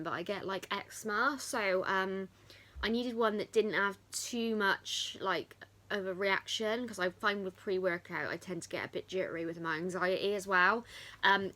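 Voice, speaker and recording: A woman's voice: mid-range voice, sharp tone. A woman chatting casually as a fitness vlogger, rambling off on tangents. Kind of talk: casual chat to camera.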